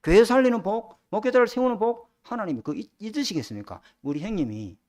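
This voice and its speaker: A man's voice: high voice, lively intonation, fast, a little mellow. A middle-aged man preaching a sermon as pastor, often asking the congregation rhetorical questions.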